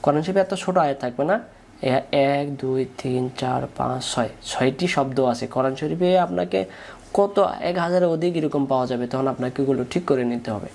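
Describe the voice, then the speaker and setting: A man's voice: mid-range voice, fairly quick, creaky, darkish tone. A man with a Bangladeshi Bengali accent teaching Quran recitation rules, patiently drilling syllables and asking his pupils to repeat after him. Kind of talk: spoken lesson with call-and-repeat drills.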